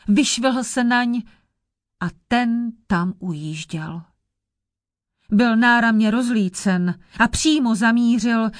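A woman reading an old fairy tale aloud in a measured, even way. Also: a little high, no echo, studio quality. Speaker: storyteller.

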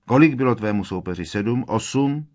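A man voicing a sharp-tongued, defiant teenage boy who needles with sarcasm. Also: fairly low pitch, lively intonation, pitched above the performer's own voice, natural voice. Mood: sarcastic.

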